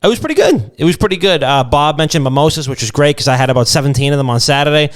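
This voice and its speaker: A young podcast co-host races through casual, jokey stories, swearing plenty. His voice is a little high and animated as he trades comedic banter.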